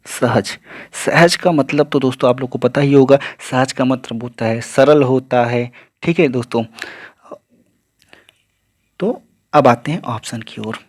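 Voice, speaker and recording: A man's voice: mid-range voice, unhurried, no room sound. Man teaching a question-and-answer grammar lesson. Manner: repeats "ठीक है दोस्तों" and asks then answers his own questions. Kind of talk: exam-prep Hindi grammar lesson.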